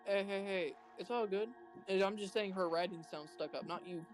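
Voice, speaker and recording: High voiced dude just chatting during a game stream, little music in back. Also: male voice, moderate pace. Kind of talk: casual gaming chat.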